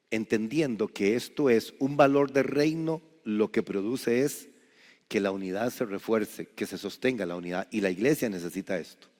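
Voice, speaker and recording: Pastor preaching in a reverberant hall. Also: male voice. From Costa Rica. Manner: rises to loud, high emphasis then drops to quiet. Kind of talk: sermon.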